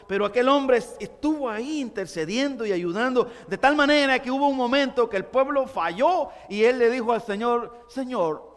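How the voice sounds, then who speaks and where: A man's voice: very high-pitched, big-room sound. A man pastor preaching a sermon, emphatic and repetitive as he addresses the congregation. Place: church sanctuary.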